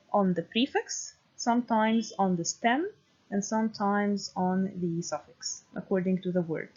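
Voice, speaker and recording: A woman delivers a university lecture at an unhurried pace, with a faintly husky voice. She speaks deliberately, filling gaps with "uh" and checking in with "okay". The recording sounds dull and lo-fi. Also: mid-range voice, darkish tone.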